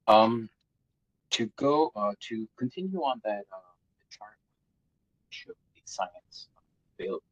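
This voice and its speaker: A man's voice: lowish voice, very animated, breathy edge, dry recording. Man on a choppy call cutting out. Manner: halting, hesitant. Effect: choppy online call audio cutting out. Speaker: remote audience member asking a question. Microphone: video call. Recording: dull muffled remote call line.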